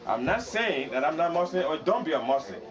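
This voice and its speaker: A man's voice: a little high, sing-song, fairly quick, crowd noise. An older man gives an impassioned speech at a community meeting, pressing his points, repeating words and slipping into a local language. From Liberia.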